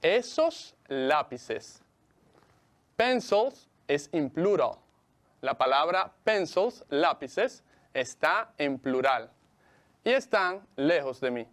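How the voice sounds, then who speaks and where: Slow, lively-voiced male English teacher. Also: on the high side. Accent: Mexican Spanish. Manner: slow, carefully enunciated, repeats words for students. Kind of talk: bilingual televised English lesson.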